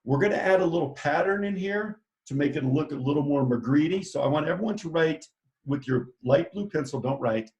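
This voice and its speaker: A man's voice: a little high, animated, brisk, darkish tone, highs cut off. A man teaching a children's art lesson, talking chattily and enthusiastically as he walks them through each step. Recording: echoey room.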